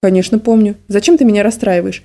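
A frail, confused old woman from an audiobook, played with some lift in pitch by a woman reading it. She rambles cheerfully, then turns shrill and accusing. The underlying voice is mellow and dark. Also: fairly even intonation, quick pace, natural voice. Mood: hostile, shrill.

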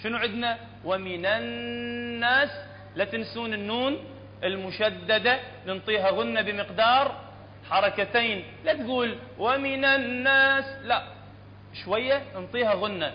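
A man with an Iraqi accent teaching Quran recitation in a classroom lesson, explaining step by step and often checking that it is clear. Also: sits high, brisk. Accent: Iraqi Arabic. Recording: echoey hall, dull lo-fi sound, faint room noise.

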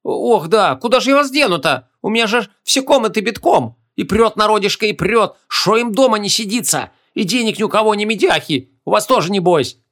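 A man's voice: high voice, lively intonation, brisk, hardly any pauses, fairly bright tone, voice pushed up. Man doing a fretful old rustic innkeeper. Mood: grumbling fussy. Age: 60s. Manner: rustic folksy speech, fretful whining. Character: old grumbling rustic male innkeeper, fearful.

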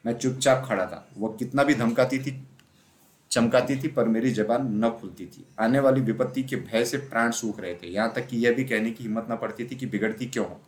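A man narrating a classic children's story aloud in a steady storytelling manner. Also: mid-range voice, moderate pace. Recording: roomy echo.

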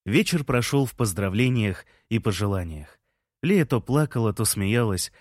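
Calm male audiobook narrator. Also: on the low side, moderate pace, no room sound, studio quality. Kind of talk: first-person audiobook narration.

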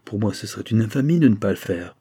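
A young man wracked by guilt, earnest and pleading, as a male narrator reads him in a storybook. The voice is low, dark and a little husky. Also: animated, fast. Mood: anguished.

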